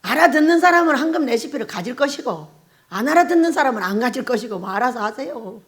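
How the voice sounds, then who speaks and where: High-voiced, animated woman preaching. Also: fast. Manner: chatty preaching with rhetorical questions to the congregation; often breaks into laughter. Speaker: pastor and prayer house director. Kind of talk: conversational sermon.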